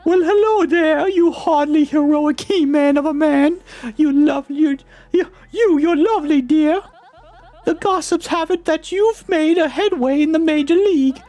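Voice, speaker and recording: A man reading a teasing female thief through a voice changer that raises his pitch, speaking in a coy, drawn-out manner. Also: a little mellow. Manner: purring, coy, drawn-out endearments. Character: flirty, teasing woman, a sly thief. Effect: voice changer raising the pitch. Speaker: streamer voicing game characters.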